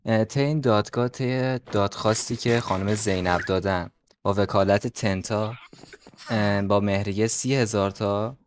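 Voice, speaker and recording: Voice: sits low, fairly even intonation, a little hiss or hum. A player acting as judge in a game role-play, talking hesitantly with many fillers. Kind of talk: casual gaming chat.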